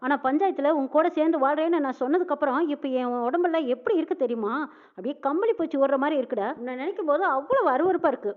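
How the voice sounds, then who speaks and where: A woman with a high voice rattles through a family drama, acting out each character's lines as she goes. Her voice comes through thin and tinny, like a phone line. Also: expressive. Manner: retells a family drama in quick colloquial speech, voicing each character's lines. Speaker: storyteller. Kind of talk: dramatic story narration with acted dialogue.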